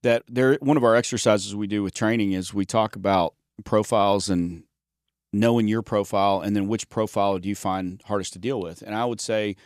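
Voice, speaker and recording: Co-host, male, lowish voice, folksy and joking, restarts words, dry close recording. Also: steady tone, brisk, smooth, no room sound. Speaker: podcast co-host and sales trainer. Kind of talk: casual conversational chat.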